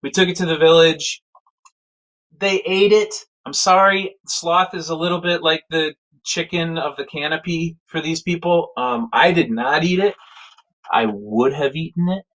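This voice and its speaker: A man telling a casual spoken anecdote in a rambling, animated way, full of fillers and restarts. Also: on the high side, measured pace, rough recording. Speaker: storyteller.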